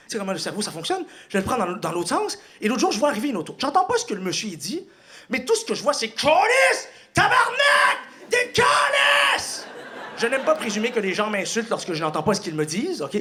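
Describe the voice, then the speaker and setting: A young man with a Quebec French accent doing a stand-up routine in a comedy club, animated and breaking into shouted impressions. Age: young adult. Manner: animated, bursts into shouted high-pitched impressions. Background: audience laughter.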